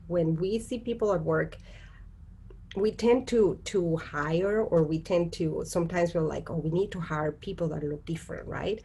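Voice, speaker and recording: The woman has a medium-pitched, darkish voice, and a little hiss or hum runs under it. She's from Costa Rica and appears as a guest on a virtual panel by video call, explaining earnestly in conversational fashion and regularly asking "right?".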